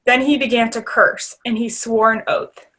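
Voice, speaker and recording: A woman narrator giving a measured, formal reading of scripture for readers theater. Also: a little high, steady tone, a bit bright.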